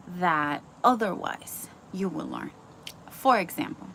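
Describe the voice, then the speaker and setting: This is a young Bible teacher from the Dominican Republic sharing an earnest, informal devotional, chatty and full of fillers like "like" and "um," plus restarts. She speaks at medium pitch over slight background noise.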